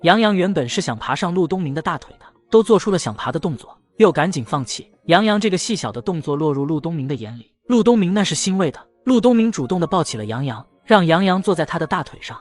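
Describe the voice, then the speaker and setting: A man reading the scripted narration of an animated drama in a brisk storytelling manner. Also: fairly high pitch, faint music behind.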